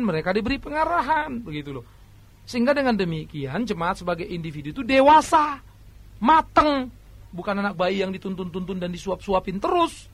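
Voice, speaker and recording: Emphatic high-voiced preacher. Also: male voice, dry recording. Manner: emphatic, swinging between loud exhortation and quiet asides; addresses listeners as brothers and sisters. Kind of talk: sermon.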